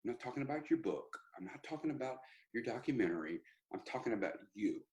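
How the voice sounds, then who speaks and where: A man, a country singer telling stories in an interview, animated and rambling with restarts and laughs. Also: mid-range voice, fast talker, poor audio. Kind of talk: casual interview storytelling.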